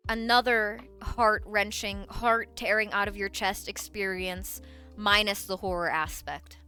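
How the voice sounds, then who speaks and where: A woman's voice: medium pitch, steady tone, a little slow, bright, forceful tone, faint music behind. A woman streamer in casual live-stream chat, playful and giggly, swearing freely.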